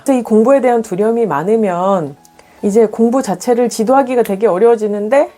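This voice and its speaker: Calm woman coach, mellow voice. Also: fairly high pitch. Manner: calm, reflective, acts out parents' inner voices. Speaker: parenting coach. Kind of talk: explanatory monologue.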